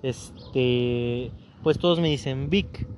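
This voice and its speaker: A man's voice: medium pitch, drawn-out words, a little hiss or hum. A man with a Mexican Spanish accent, chatting casually as a podcast co-host and acting out the people in his stories. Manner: animated storyteller, acts out quoted people. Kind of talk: casual chat.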